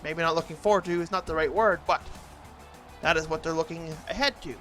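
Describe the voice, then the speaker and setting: A man doing an announcer-style play-by-play commentary of a hockey video game, excitable on big plays. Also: a little high, fairly quick, faint music behind.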